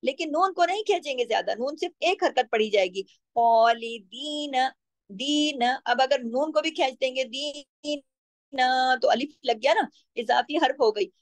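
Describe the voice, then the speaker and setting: A woman teaching Quran recitation rules, explaining patiently and slowing down to demonstrate each word in a drawn-out chant. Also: high-pitched, lively intonation, no room sound.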